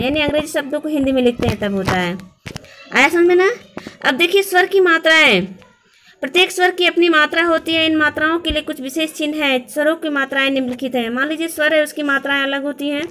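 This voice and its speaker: A woman teaching a grammar lesson, slowly spelling out sounds letter by letter and often checking that her students follow. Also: sits high, a bit bright.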